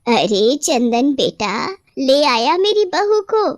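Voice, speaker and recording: A woman's voice: sits high, very animated, slow pace, dry recording, clean studio sound, exaggerated voice. A woman voicing a caring, fussing mother-in-law in a cartoon story.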